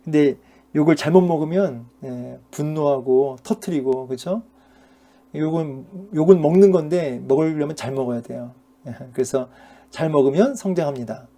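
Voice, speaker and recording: A man's voice: on the high side, moderate pace, warm tone. A middle-aged male pastor giving a Bible lecture in a conversational manner, full of fillers and rhetorical questions to his listeners. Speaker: pastor teaching a Bible class. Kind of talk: sermon-style Bible lecture.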